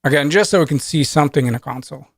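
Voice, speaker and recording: A man's voice: a little high, racing, no room sound, clean studio sound. Man talking through a coding tutorial. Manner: conversational, thinks aloud while typing code. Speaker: programming instructor. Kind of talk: screen-recorded coding tutorial.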